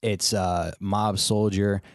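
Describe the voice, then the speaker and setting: A man in his thirties with a lowish voice hosts a podcast in a living room. He chats loosely, joking and trailing off with fillers. The sound is dry and close. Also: flat delivery, takes it slowly, dry recording. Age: 30s. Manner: jokey, trails off with fillers and laughs. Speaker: podcast host. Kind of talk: casual chat.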